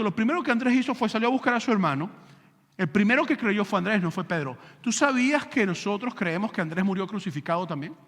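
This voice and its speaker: A man preaching a sermon as pastor, animated, asking rhetorical questions and acting out scenes. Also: sits high. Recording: long church hall reverb.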